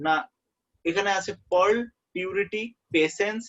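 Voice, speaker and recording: A young man tutoring a student for an exam in a relaxed way. He often checks that the student is following and repeats the key terms. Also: sits high, moderate pace. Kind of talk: informal exam-prep lesson. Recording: muffled lo-fi audio.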